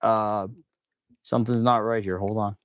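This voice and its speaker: A man's voice: fairly low pitch, flat delivery, normal speed, no room sound. A man livestreaming casually as he works as a mechanic, rambling informally, breathing heavily through his mouth with a stuffy nose. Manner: audible heavy mouth breathing; rambling, informal, addresses viewers as "man" and "guys". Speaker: livestream host and auto shop mechanic. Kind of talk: casual livestream chat while working.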